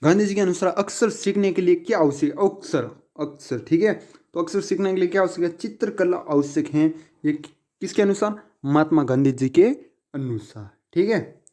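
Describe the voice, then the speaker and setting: A man's voice: sits high, a little fast, dark tone. A man teaching exam questions, often asking a question and answering it himself. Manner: repetitive, asks and answers his own questions. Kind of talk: casual exam-prep lesson.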